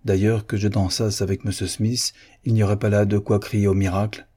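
A man's voice: fairly low pitch, level tone, brisk, mellow, husky. A man reading a proud young woman's lines in a period novel, speaking firmly and coolly, with dignity. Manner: firm, cool, dignified.

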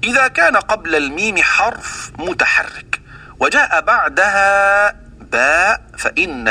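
A man's voice: on the high side, bright, forceful tone, husky, distant mic. A man teaching the readings of the Quran, explaining rules and then chanting verses and quoted teaching poems as examples.

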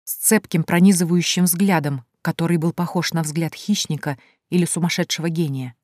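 A woman narrating an audiobook in steady scripted storytelling. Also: sits low, moderate pace, no room sound, studio quality.

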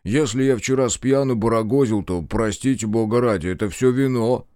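A man's voice: mid-range voice, fairly quick, darkish tone, dry recording, clean studio sound, natural voice. A man voicing a hungover, tied-up male storekeeper who protests and pleads in crude slang. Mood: aggrieved pleading.

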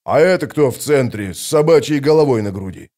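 A man narrating an audiobook, voicing a gruff, grumbling male sapper. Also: mid-range voice, expressive, a little fast, warm tone, lightly acted. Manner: grumbling, blunt.

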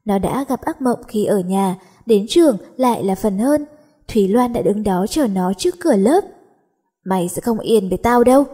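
A woman narrating a Vietnamese romance audiobook in a steady, even reading voice. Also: mid-range voice, husky. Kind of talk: scripted story narration.

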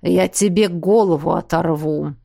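Storybook role: brooding, possessive shapeshifter lad, slow, blunt, gruff, read by a woman. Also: mid-range voice, lively intonation. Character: jealous, possessive young male shapeshifter student.

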